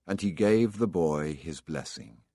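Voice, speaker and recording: Man, audiobook narrator, calm storytelling, very deep voice, expressive, dry recording. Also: unhurried, dry recording.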